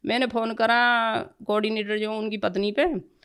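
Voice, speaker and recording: A woman's voice: fairly high pitch, level tone, normal speed, fairly bright tone, clean tone. A middle-aged woman giving an emotional personal testimony, rambling at times and breaking off to restart.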